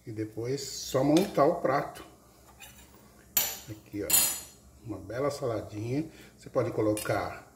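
In this clip the home cook, husband of the channel host, speaks in a mid-range voice over background noise. He narrates his casual cooking vlog step by step in cozy, diminutive-laden language toward a camera above the counter, amid echo and loud dish clatter.

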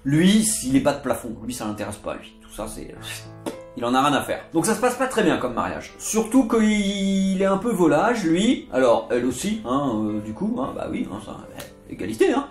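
A man's voice: a little high, sing-song, normal speed. A man giving a casual, chatty history lesson, full of jokey asides and digressions. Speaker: literature video host. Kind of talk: casual storytelling lecture. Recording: echoey room with faint guitar music.

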